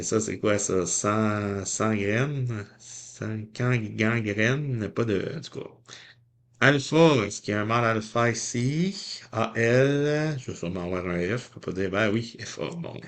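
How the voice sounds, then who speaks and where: A man with a Québécois French accent, chatting casually to viewers as he scratches lottery tickets and reads the letters out one by one. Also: lowish voice.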